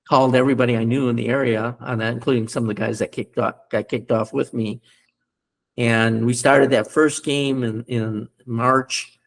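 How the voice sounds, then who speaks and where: An older American man in his seventies recounting stories in a casual interview, rambling with many fillers and restarts, and chuckling as he recalls things. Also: medium pitch. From United States. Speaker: podcast guest, former rugby player and coach.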